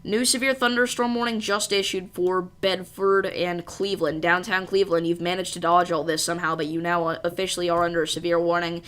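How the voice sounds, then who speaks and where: A woman's voice: fairly low pitch, flat delivery, a little fast, few pauses, fairly bright tone. A woman hosting a live severe weather stream, giving informal commentary and thinking aloud as she goes. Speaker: storm livestream host.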